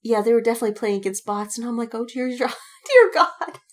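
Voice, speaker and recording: A woman co-hosting a podcast tells lively anecdotes in a casual chat, giggling and acting out reactions as she recounts them. Her voice is on the high side and a little fast.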